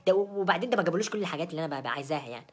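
A woman's voice: fairly low pitch, animated, racing, husky. A young woman with an Egyptian accent playing a brazen, spoiled young wife in a comedy sketch, rambling and stammering in a sassy way. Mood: indignant. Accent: Egyptian Arabic.

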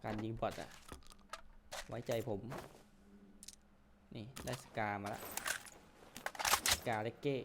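A man from Thailand giving casual, swearing commentary as he plays a shooter game at home, speaking loudly into a weak microphone. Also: lowish voice, steady tone, slow pace, gravelly, long pauses. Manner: swears often, talks loudly into a weak mic. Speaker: gameplay streamer. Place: home room with fan and window. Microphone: weak, low-quality mic. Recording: noisy home mic with clicks.

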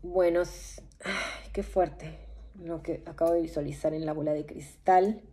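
A woman hosting a psychic video, narrating crystal-ball visions in a slow, hushed, dramatic way with repeated exclamations. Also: low voice, steady tone.

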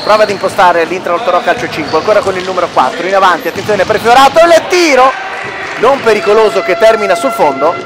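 A man giving excitable futsal play-by-play commentary, breaking into shouted goal calls as a match commentator. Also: high-pitched, fast talker, hardly any pauses. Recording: music and crowd noise behind. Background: music, sports hall crowd.

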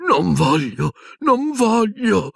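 A man voicing an old male wizard headmaster in an audiobook, speaking slowly and solemnly, wailing and pleading when afraid. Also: sits low, lively intonation, breathy edge, dry recording, heavily acted. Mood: terrified, pleading. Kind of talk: audiobook character voice.

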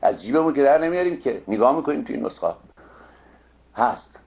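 A man lecturing on classical poetry, chanting verses slowly and correcting the wording point by point. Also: medium pitch, big pitch swings. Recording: narrow phone-like sound.

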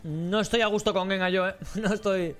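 Man, let's play host, rapid rambling commentary, jokey and swearing, faint game music behind. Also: high voice, steady tone. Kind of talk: casual gameplay commentary.

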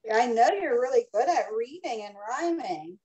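Lively, high-voiced encouraging librarian woman. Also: moderate pace, highs cut off. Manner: encouraging, praising the young reader. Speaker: children's librarian hosting story time. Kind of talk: casual chat during a children's read-aloud.

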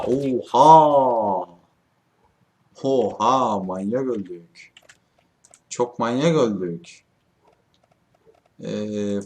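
A young man casually commenting on his own shooter gameplay, swearing often and yelling at his teammates in frustration. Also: medium pitch. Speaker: gaming YouTuber.

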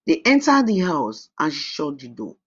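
A storyteller reading a folk tale aloud in a steady, measured way on a dull lo-fi recording. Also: mid-range voice, slightly rough. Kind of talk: storybook narration.

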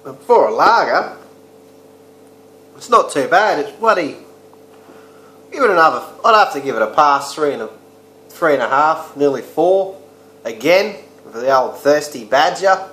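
A man in his thirties with an Australian accent rambles through a casual beer review full of crude slang, recorded close up on a webcam or laptop mic in a small, echoey indoor room. His voice sits a little high and sounds pushed and bright, animated yet measured in pace, with frequent pauses.

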